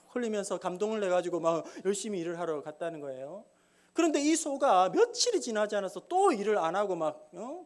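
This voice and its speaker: A man as pastor giving a sermon in a church, talking to the congregation in a conversational way, with rhetorical questions and told jokes. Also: high-pitched. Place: church sanctuary.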